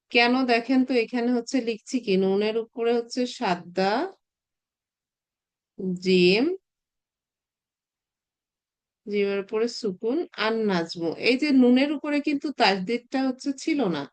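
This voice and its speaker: Woman teacher, fairly high voice, patient lecture pace with frequent thinking fillers. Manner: patient explaining, repeats filler words while thinking. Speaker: Arabic teacher. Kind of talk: recorded online class lecture.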